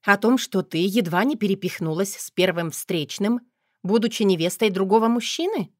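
A woman voicing a spoiled, bratty young stepdaughter who whines and shouts. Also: mid-range voice, animated, normal speed, no room sound, clean studio sound, lightly acted. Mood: tearful shouting. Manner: whiny, capricious.

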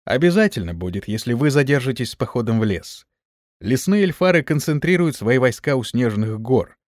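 A man's voice: medium pitch, expressive, a little fast, darkish tone, dry recording, studio quality, natural voice. A man doing a sly, brash young hero. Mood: scheming. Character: cunning young male hero, sly and bold. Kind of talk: audiobook character reading.

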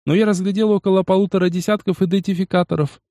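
A man narrating a first-person audiobook in a steady, measured way. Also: sits high, no echo, clean studio sound.

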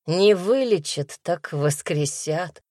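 Woman reading as a young fire-spirit hero in a storybook, joking but tender, voice kept low and unhurried. His lines come close and dry, with little room around them. He leans wry when he teases his friends and soft when he says his love's name. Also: expressive, no room sound.

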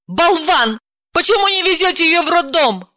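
A man voicing a sharp-tongued, bossy woman who scolds and gives orders. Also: very high-pitched, very animated, unhurried, dry recording, studio quality, pitched above the performer's own voice, full character voice. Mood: scolding.

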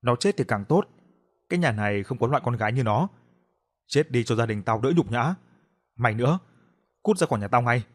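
A man's voice: medium pitch, expressive, a little fast, long pauses, lightly acted. A man reading the lines of a harsh, scornful old grandfather in a told story, close to his own voice. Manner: contemptuous, barking.

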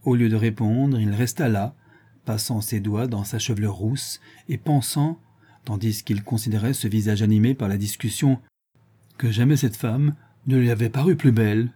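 A man narrating a novel in a measured, expressive reading. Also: on the low side, husky. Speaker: audiobook narrator.

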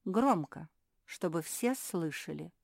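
A woman voicing a patient, kindly female fairy who speaks in a calm, gently instructive way. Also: fairly low pitch, slow, gravelly, no room sound, clean studio sound, full character voice.

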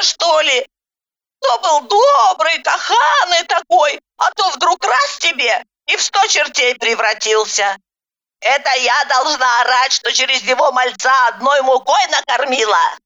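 Woman doing a sly old granny, high lively scolding, lo-fi. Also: unhurried, exaggerated voice. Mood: indignant. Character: sharp-tongued scheming old grandmother.

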